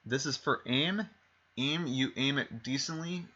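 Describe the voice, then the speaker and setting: Slightly slow and husky, a man's mid-range voice is bright and forceful as he narrates a tabletop game on stream as game master. He rambles, corrects himself, and restarts amid fillers, recorded on a dull lo-fi mic.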